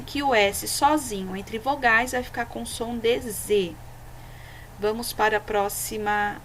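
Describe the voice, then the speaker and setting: A woman's voice: fairly high pitch, fairly bright tone, a little hiss or hum, rough recording. Patient woman teaching a lesson. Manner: patient and didactic, checking in with "tá?" and "ok?"; slows down and stresses words when reading examples aloud. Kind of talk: recorded slideshow lesson for children.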